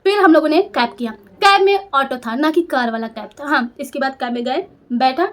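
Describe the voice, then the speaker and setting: A woman's voice: high voice, brisk. A young woman telling a personal story in an emotional, confessional, self-reproaching way. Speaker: storyteller vlogger.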